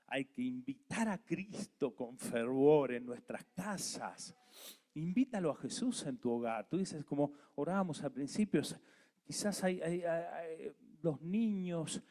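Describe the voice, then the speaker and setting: A man preaching a sermon as pastor, animated, asking the congregation to repeat after him. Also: mid-range voice.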